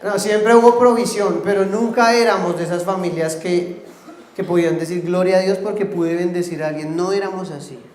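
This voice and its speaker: A man's voice: sits high, fairly even intonation, moderate pace, a little mellow, roomy sound, slight background noise. Impassioned man preaching. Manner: impassioned preaching, rising to emphatic pleas. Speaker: pastor. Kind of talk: sermon. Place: church.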